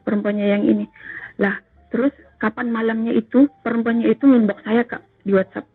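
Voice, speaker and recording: A woman's voice: fairly high pitch, fairly even intonation, a little fast, husky, dry recording, faint music behind. A woman calls in and earnestly tells a personal story, addressing the host as "Kak" again and again. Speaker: caller sharing a personal story. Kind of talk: emotional phone storytelling. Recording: tinny phone line.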